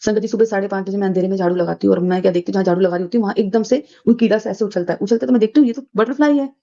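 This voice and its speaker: Rapid-fire and warm, a middle-aged woman's mid-range voice carries a chatty devotional testimony peppered with fillers and restarts. She addresses the audience as sangat ji, and the recording is dull and lo-fi.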